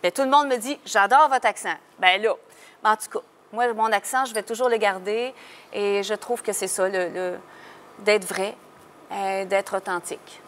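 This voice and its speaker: A woman's voice: mid-range voice, fairly even intonation, normal speed. A woman with a Québécois French accent, a singer from Quebec talking frankly and laughing easily in a casual interview. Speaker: singer guest.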